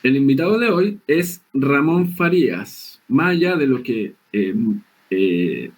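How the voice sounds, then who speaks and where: A man with a mid-range voice hosts a professional talk show, speaking slowly and animatedly but hesitantly, with many fillers.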